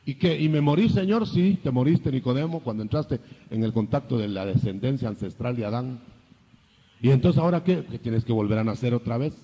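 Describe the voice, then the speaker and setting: An older man preaching a sermon, lively, acting out biblical dialogue in changing voices. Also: medium pitch, fairly quick, husky, long reverb tail, highs cut off.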